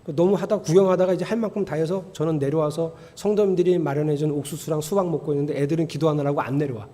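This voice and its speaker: A middle-aged man preaching a sermon as pastor, telling stories with animation and building to emphatic, near-shouted appeals. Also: a little high, fairly even intonation, quick pace. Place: church sanctuary. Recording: long church hall reverb.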